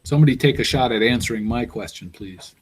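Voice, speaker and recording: Guy lecturing on engineering, talking it through, lots of uhs and ums, average pitch. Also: fast talker, breathy edge. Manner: explanatory, thinking aloud with fillers. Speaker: university lecturer.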